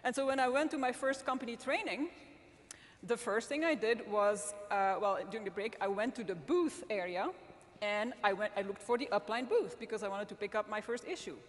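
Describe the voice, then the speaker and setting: A middle-aged Belgian woman who speaks English as a later-learned language gives an earnest conference talk to a live audience in a large event hall, restarting often. She's a magazine editor-in-chief speaking at a summit, her voice a little high and a little fast, with long hall reverb on the recording.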